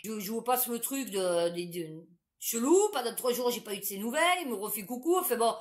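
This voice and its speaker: A woman's voice: fairly high pitch, expressive, brisk. A woman, telling a personal story to the camera in a blunt, crude, chatty way, breaking into laughter often.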